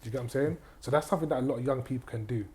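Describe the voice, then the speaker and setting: A man's voice: mid-range voice, racing, dark tone. A man, a guest on a casual podcast interview, speaking with confidence as he gives advice, repeating key phrases and checking that the listener is following him. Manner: checks in with "do you get what I mean". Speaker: guest, property investor and trainer.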